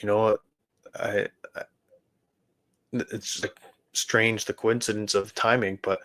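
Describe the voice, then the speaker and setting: A man hosting a podcast, telling his personal faith testimony in an earnest, halting way with many restarts. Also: lowish voice, fairly bright tone. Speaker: podcast host.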